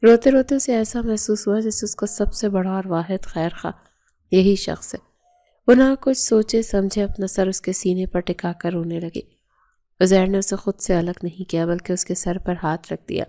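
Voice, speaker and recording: A woman narrates a romantic novel as a bedtime story. Her voice is mellow and warm, and she reads at a steady, even storytelling pace. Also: medium pitch. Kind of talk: novel reading.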